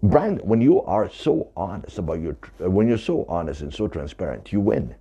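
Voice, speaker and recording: Very deep gravelly man, emphatic. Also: sing-song, normal speed, dark tone. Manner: emphatic, repeating points. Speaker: author. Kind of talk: talking to camera about his book.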